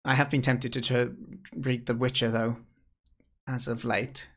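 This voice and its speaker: A man from the UK chats with viewers during a game development livestream, sounding tired and worn. He thinks aloud and keeps restarting his sentences. His voice sits at an ordinary middle pitch. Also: level tone, measured pace. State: tired, yawning. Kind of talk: casual livestream chat.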